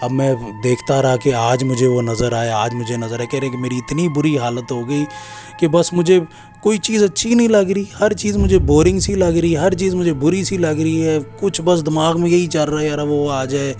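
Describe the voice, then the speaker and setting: A man from Pakistan, with a fairly high pitch, moderate pace and dark tone, narrates a listener's scary story informally and conversationally, repeating reporting phrases, with music in the background.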